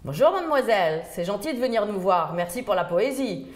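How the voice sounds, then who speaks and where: A woman's voice: mid-range voice, sing-song, brisk, natural voice. A woman voicing a cheeky, streetwise old Parisian woman who talks in brash, salty banter. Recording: roomy echo.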